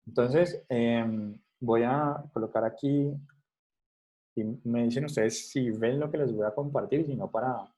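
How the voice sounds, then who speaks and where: Mellow-voiced man teaching an online class. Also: medium pitch, measured pace. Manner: explanatory, checks in with frequent "¿vale?" and "¿sí?". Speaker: instructor. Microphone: video call.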